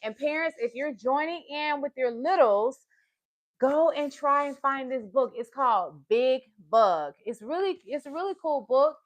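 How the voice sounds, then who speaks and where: Hosting a children's storytime livestream, a woman chats with little kids and their parents in a lively, encouraging, sing-song way. Her voice sits high and she takes her time. The recording has no echo, and the highs are cut off.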